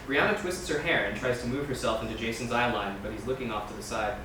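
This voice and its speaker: A man speaks fast in a mid-range voice, serving as the stage directions reader at a table read and narrating screenplay scene directions from the script. The audio is noisy and very echoey, captured by a distant mic.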